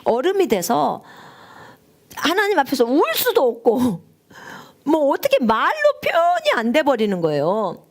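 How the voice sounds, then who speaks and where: High, lively woman preacher. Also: measured pace. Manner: emotional storytelling, voice rising and breaking into tears. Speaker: missionary preacher. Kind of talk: live-streamed sermon testimony.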